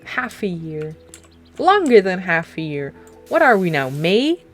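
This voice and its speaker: A woman's voice: lowish voice, very animated, unhurried, soft background music. A young adult woman streaming a game, chatting in a rambling, self-mocking way and laughing often. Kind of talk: casual gameplay commentary.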